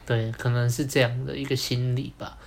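A man's voice: mid-range voice, little pitch movement, brisk, vocal fry. Rambling Taiwanese-accented young man storyteller. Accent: Taiwanese Mandarin. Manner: rambling, full of fillers like "对" and "然后". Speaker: podcast co-host. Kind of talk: casual storytelling chat.

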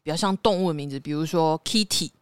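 Casual podcast co-host, Taiwanese accent, teasing and animated, crisp voice, dry recording. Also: medium pitch, fast talker, dry recording. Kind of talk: casual chat.

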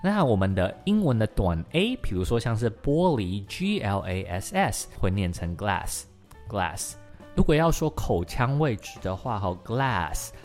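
A young man hosting an English-learning podcast lesson in a chatty, lively way, slowly modelling English sounds again and again. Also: on the low side. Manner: chatty, lively, with many sentence-final particles.

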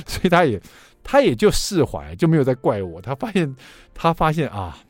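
A middle-aged man, a radio show host telling a funny story about himself in an animated way. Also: a little high, moderate pace, dry recording, faint music behind. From Taiwan. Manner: animated, self-mocking anecdote telling. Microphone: studio microphone.

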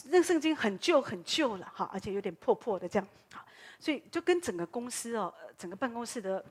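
A middle-aged woman pastor with a Taiwanese Mandarin accent preaches in a church, turning her sermon into a lively story. Her voice sits fairly high and has a husky, breathy edge. She keeps the talk casual and often tags her lines with a little "ha". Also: brisk.

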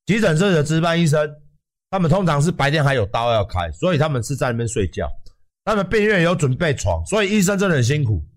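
A man with a Taiwanese Mandarin accent rants on a livestream, heated and swearing freely. His voice sits high for a man and swings up and down a great deal as he works himself up. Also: quick pace. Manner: profane, heated, animated. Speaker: livestream host. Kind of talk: ranting livestream commentary.

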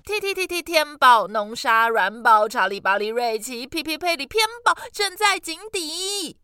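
A woman's voice: sits high, sing-song, takes it slowly, soft background music, voice pushed up, heavily acted. A woman doing a panting, frantic little boy. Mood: shouting. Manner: panting, shouting the long name over and over. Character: breathless little boy, frantic younger brother.

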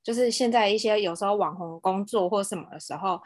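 A woman's voice: mid-range voice, fast talker. A woman with a Taiwanese accent chatting casually on a podcast as co-host, in a self-mocking, mildly exasperated way.

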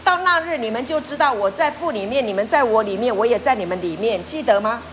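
A woman's voice: fairly high pitch, fast talker, a little hiss or hum. A woman pastor preaching a sermon, often asking her listeners questions. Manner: lively, asks the congregation questions.

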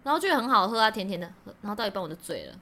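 A woman's voice: mid-range voice, racing. A woman podcast host telling her own stories in casual chat, from Taiwan. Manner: lively storytelling.

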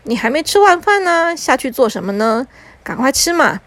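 A woman's voice: high voice, big pitch swings, moderate pace, fairly bright tone, no echo. A woman voicing a playful male magician who teases a child with mock innocence. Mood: teasing.

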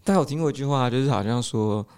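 A man co-hosting a relaxed podcast, moving the talk along with questions. His pitch sits in the middle. He speaks quickly. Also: clean tone. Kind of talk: casual chat.

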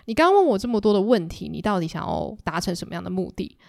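A woman playing a proud, curt young gentleman. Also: mid-range voice, sing-song, fast, creaky, no room sound, clean studio sound. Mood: guarded.

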